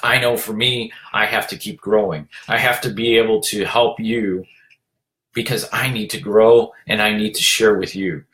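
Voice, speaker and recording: A man with a somewhat low voice delivers a motivational talk as a leadership coach. He speaks earnestly and urges the listener on. He circles back over his own phrases and pads his pauses with "you know". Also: fairly even intonation, a bit bright. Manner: earnest, urging, repeats phrases, many "you know" fillers.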